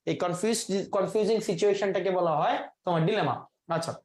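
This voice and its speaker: A high-pitched, slightly mellow male voice at normal speed guides students through vocabulary in class. He explains every word step by step, stops to put quiz questions to the class, and sprinkles English words throughout.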